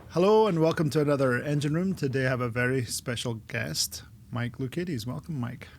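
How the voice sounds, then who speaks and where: A man hosting an interview podcast, chatty and quick with interjections. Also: medium pitch, faint music behind. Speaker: podcast host. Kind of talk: casual interview chat.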